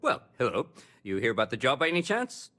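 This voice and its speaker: A man's voice: mid-range voice, huge pitch swings, fast talker, pushed and bright. An actor playing a matter-of-fact male security officer in a sci-fi video game.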